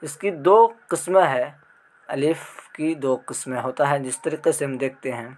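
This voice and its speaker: A man with a fairly high voice and an Indian Urdu accent teaches an exam prep grammar lesson. He explains each point step by step. He recites the letters one at a time and asks his class questions as he goes. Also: darkish tone, slight background noise.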